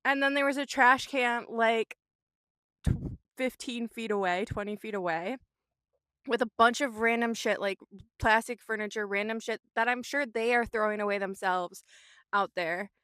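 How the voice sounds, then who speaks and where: Her voice is a little high and somewhat bright, moving at a moderate pace, with no room sound. A young woman who vlogs and makes art rambles openly from a parked car, cursing casually as she chats.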